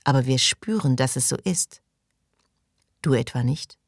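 A woman voicing a hushed, solemn young mystic. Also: rumbling low, measured pace, gravelly, dry recording, studio quality, full character voice. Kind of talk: audiobook reading.

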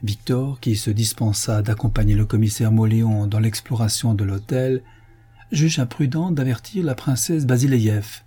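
Husky male audiobook narrator. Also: mid-range voice, normal speed, warm tone. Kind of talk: scripted narration.

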